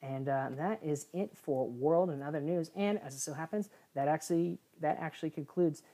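A woman with a remarkably low, deep voice co-hosts a casual sports podcast. She rambles through the news roundup, pausing often on fillers and correcting herself as she goes. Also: mellow. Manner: rambling with frequent filler pauses and self-corrections. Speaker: podcast co-host.

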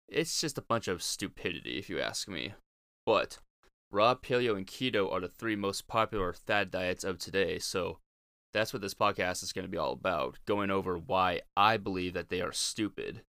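Male podcaster, lowish smooth voice, informal and blunt, opinionated solo talk, dry closet sound. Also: a bit bright, dry recording. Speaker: podcast host. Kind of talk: casual opinionated podcast monologue. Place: small closet in a home bedroom.

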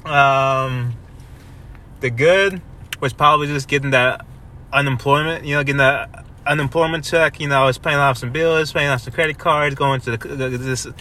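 A man's voice: medium pitch, steady tone, moderate pace, pushed and bright. A man in his twenties co-hosting a podcast in casual chat, rambling with lots of fillers and restarts. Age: 20s. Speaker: podcast co-host.

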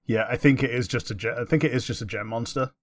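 A man's voice: medium pitch, fast talker, no room sound. A man chatting casually as a podcast co-host during a watch-along.

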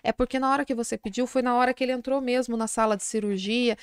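A middle-aged woman, a psychologist guest on a podcast, telling an anecdote in a lively, casual way. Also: fairly high pitch, quick pace, clear, resonant tone, no room sound. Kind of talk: casual storytelling in a podcast interview.

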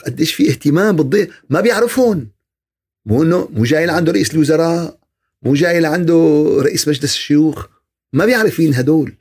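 A man's voice: on the high side, gravelly, darkish tone, breathy edge. A man giving a podcast religious talk, asking rhetorical questions and answering them himself. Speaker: religious speaker.

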